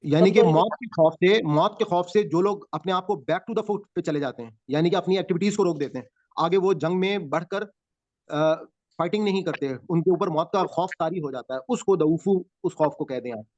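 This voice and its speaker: A man's voice: a little high, darkish tone. Man teaching an online class. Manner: explains patiently, quizzes students. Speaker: Quran teacher. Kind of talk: online class, word-by-word translation. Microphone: video call. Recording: muffled video call audio.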